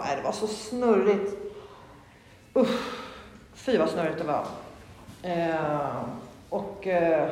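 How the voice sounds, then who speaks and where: A woman giving a candid, earnest personal testimony, rambling with many fillers and restarts. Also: a little mellow. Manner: candid and earnest, with sudden rises in pitch. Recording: very echoey hall with long reverb.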